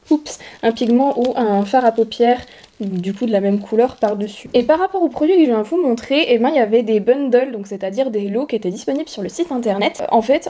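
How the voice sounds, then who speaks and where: Woman, beauty vlogger, casual haul chat, talkative with fillers, fairly high pitch, warm mellow tone. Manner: chatty, explains as she shows items, frequent fillers. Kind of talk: casual product haul talk.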